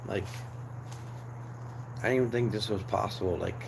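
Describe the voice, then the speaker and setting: A young man from New Jersey, USA, hosts a casual livestream chat in a lowish voice at normal speed. He's losing his voice and rambles along with fillers and restarts, and background noise is clearly audible.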